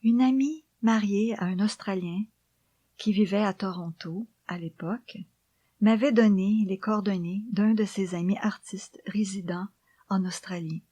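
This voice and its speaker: Femme qui chuchote lentement, façon bibliothèque. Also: female voice, medium pitch, no echo. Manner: hushed library whisper; slow, measured, deliberate phrasing. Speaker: author reading her own book. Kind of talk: soft whispered reading of memoir and poems.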